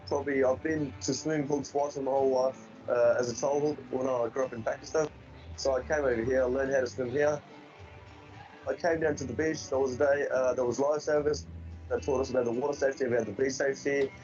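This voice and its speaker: A young man in his twenties from Afghanistan, telling his story plainly in a recorded testimony. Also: mid-range voice. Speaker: interviewee, lifeguard. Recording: dull distant mic with soft music.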